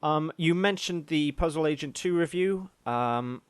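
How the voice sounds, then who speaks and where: A man co-hosting a podcast in casual chat, delivering jokes deadpan. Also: on the high side, unhurried, smooth, dry recording. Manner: deadpan joking. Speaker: podcast co-host.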